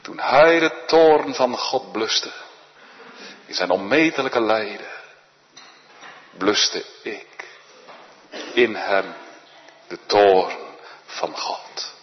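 A man preaching a sermon in a solemn, earnest manner, often dropping to a hushed voice. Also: on the low side, expressive, very slow, long pauses. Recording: dull echoey church recording.

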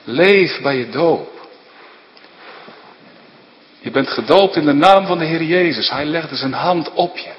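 A man preaching a sermon in a church, emphatic and slow, rising to soaring exclamations and dropping to hushed asides, often tagging his sentences with a questioning "hè?". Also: on the high side, dull audio. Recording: long church reverb.

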